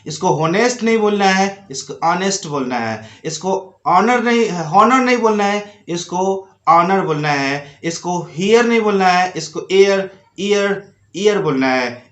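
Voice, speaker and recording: A man gives a pronunciation lesson in a fairly high voice. He explains each rule step by step, throws in little rhymes and asks his students questions. The room echoes noticeably around him. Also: fairly bright tone. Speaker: English teacher. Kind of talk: Hindi-language lesson on English pronunciation.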